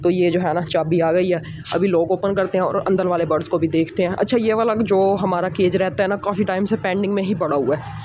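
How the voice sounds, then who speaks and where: A man's voice: sits high, steady tone, a little fast, a little mellow, a little hiss or hum. A man from Pakistan with a Pakistani Urdu accent, chatting casually to the camera as he tends his birds. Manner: chatty, repeats filler phrases, talks while handling birds. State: out of breath after climbing stairs. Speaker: bird breeder vlogger. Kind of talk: casual walk-through vlog. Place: rooftop bird setup, outdoors. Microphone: handheld camera held in one hand.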